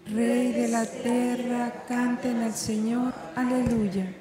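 Women and other worshippers giving slow, unison responses during Mass, with a long cathedral echo from a distant mic in a large church. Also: female voice, a little high, level tone. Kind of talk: spoken and sung liturgical responses. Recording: echoing church hall heard from far off. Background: crowd of worshippers.

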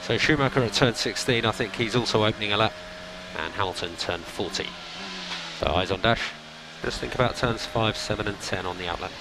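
Race car radio voice: a low-voiced male engineer, calm and clipped, repeating each call, with loud engine noise around him. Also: fairly quick. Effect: race car team radio. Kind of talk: team radio instructions to a driver.

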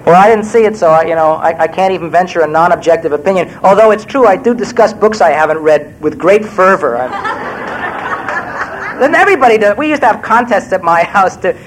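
Giving a Q&A talk to an audience, an older screenwriter from New York with a slightly raised pitch discusses his craft in a wry, meandering, self-deprecating way. His intonation is lively and his pace a little fast. A faint low rumble and a faint crowd sit beneath his voice on a poor-quality recording.

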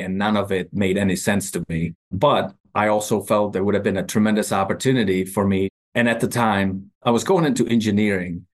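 A Czech-accented man around fifty, a guest in an interview, tells his story at an unhurried, matter-of-fact pace. His voice sits fairly low, and he drops in dry, wry asides. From Czech Republic. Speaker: guest, company CEO.

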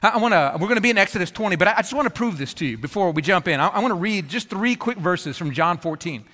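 Bright, animated man preaching in a hall. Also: high-pitched, fast. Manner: animated, conversational, acts out little scenes with playful humor. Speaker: pastor. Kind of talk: sermon. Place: church auditorium. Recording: long reverb of a large hall.

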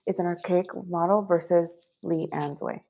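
A woman with a low, gravelly voice speaks in an even, steady tone and sounds sure of herself. She talks with confident, spiritual conviction as a podcast guest. The sound is dull and lo-fi. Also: moderate pace. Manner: confident, assured, spiritual phrasing. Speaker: guest, business coach. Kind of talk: podcast interview.

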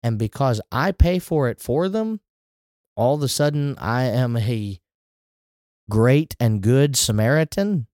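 A man's voice: mid-range voice, lively intonation, unhurried, a little mellow, dry recording, clean studio sound. A man preaching a sermon in a conversational way, with rising emphatic asides.

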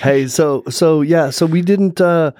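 A man's voice: on the high side, a little slow, darkish tone, no room sound, studio quality. A man co-hosting a casual podcast, chatty and jokey while talking real estate. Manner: jokey, chatty, laughs easily.

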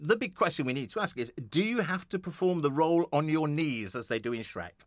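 A man's voice: a little high, lively intonation, a little fast, dry recording, clean studio sound. A man hosting a radio interview in a casual, chatty way, rambling with frequent restarts and fillers, and chuckling often. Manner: jovial, chuckling. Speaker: radio host. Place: radio studio.

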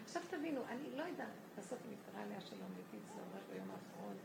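A woman's voice: medium pitch, huge pitch swings, creaky. A woman giving a spiritual talk, telling stories of a rabbi and emphatically appealing to her listeners, recorded in an echoey room with noise behind her.

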